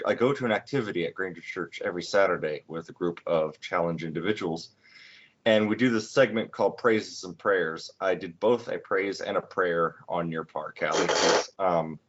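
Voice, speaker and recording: A man in his twenties hosting a casual podcast chat, talking in halting bursts with many restarts. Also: low-pitched, a bit bright, slight background noise. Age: 20s. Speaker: podcast host. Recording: dull lo-fi recording.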